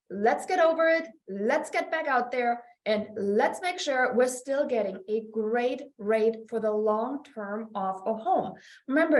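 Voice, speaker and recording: A fairly high-voiced woman in a sales vlog, chatty and persuasive, speaking upbeat and direct to camera as a real estate agent. The room around her is echoey.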